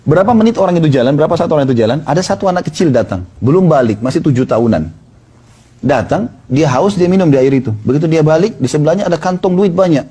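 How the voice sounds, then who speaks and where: Fast-talking husky preacher man. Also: a little high, lively intonation, dark tone. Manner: narrates tales with quoted dialogue. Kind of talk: storytelling sermon.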